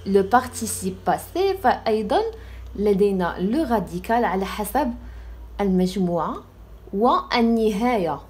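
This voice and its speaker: A young woman teaching French grammar, slowly spelling out French words between her Arabic explanations. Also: mid-range voice, expressive, a little mellow. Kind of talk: grammar lesson.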